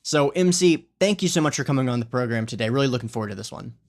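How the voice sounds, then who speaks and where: A man's voice: mid-range voice, animated, fast. A man hosting a podcast, introducing the episode and guest earnestly, often saying "you know". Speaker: podcast host.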